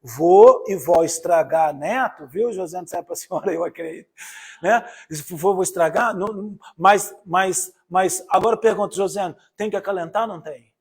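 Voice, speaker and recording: An older pastor, a man, gives an informal live sermon in a husky, slightly raised voice. He talks to the congregation directly and keeps turning to them with rhetorical questions. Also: high-pitched, normal speed. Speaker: pastor leading a Bible study.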